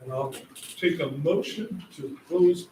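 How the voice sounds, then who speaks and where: A man chairing a school board meeting, running the procedure in a relaxed way. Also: on the high side, takes it slowly. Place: large meeting room. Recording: echoey room far from mic, noise.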